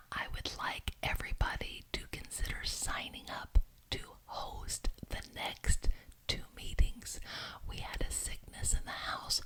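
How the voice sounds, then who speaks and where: This ASMR roleplay has a woman lightly acting a gracious but bossy witch running a coven meeting. She talks deliberately and repeats words for emphasis, and the recording quality is low.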